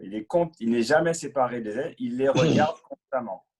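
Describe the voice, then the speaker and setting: A man patiently explaining a Buddhist prayer as interpreter and teacher, in a halting way with many fillers and repeated words. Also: medium pitch, a little mellow, breathy edge.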